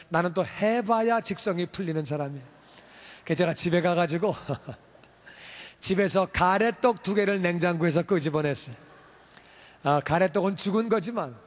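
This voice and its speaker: A man preaching in a church with a high voice, animated, acting out the voices in his stories. His words carry a long reverb through the large hall. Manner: animated storytelling, acts out scolding and praising voices. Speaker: pastor. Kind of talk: sermon. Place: church sanctuary.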